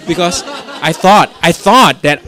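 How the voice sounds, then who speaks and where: A man's voice: high-pitched, expressive, slow pace, bright, forceful tone. A young man from Singapore, telling a personal story in a rambling way, full of fillers and restarts. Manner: rambling, many "you know" fillers and restarts. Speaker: guest telling his story. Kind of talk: casual testimony.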